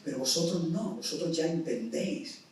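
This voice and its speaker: Animated preacher from Spain, echoey hall. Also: male voice, a little high, moderate pace, far from the mic. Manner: animated, acts out parents' orders in a raised voice. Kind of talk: sermon to young people. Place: large hall at a summer camp.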